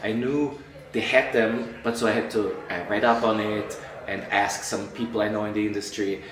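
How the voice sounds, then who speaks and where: A middle-aged Austrian man, an entertainment journalist, answers interview questions animatedly, acting out colleagues he quotes and frequently restarting. His voice is lowish at normal speed, recorded a bit far from the mic in an echoey room.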